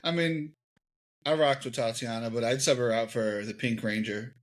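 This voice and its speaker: A man's voice: steady tone, moderate pace. A man chatting casually on a podcast, joking around and laughing often. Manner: jokey, laughs a lot, puts on silly high voices. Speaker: podcast co-host. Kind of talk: casual chat.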